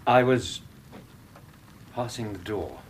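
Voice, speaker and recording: An actor playing a genial, admiring Victorian doctor in a British radio drama, with an English accent and a hearty, gentlemanly manner. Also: male voice, fairly low pitch, lively intonation, slow pace, slight background noise. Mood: mild, friendly. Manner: hearty, good-humoured, gentlemanly.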